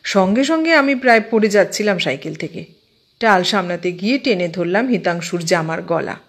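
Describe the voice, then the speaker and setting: A woman narrating a literary short story as an audiobook, reading slowly and evenly and giving each character's lines their own voice. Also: fairly low pitch, animated, breathy edge.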